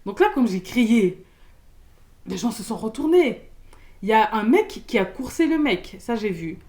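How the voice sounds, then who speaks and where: A young woman from Belgium, telling a storytime in casual slangy chat, loud and expressive, acting out the people in her story. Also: a little high, a little slow. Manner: casual slangy talk with many fillers.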